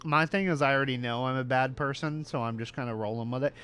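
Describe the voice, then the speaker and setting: A man's voice: mid-range voice, fast talker, fairly bright tone, soft background music. A male streamer chatting casually while playing, ranting with swearing and self-mocking jokes. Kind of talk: casual gaming stream chat.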